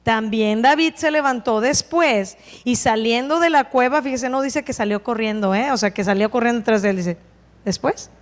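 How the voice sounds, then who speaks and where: Woman preacher, high voice, lively sermon delivery with rhetorical questions, long hall echo. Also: moderate pace. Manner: animated, asks the congregation rhetorical questions. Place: church hall.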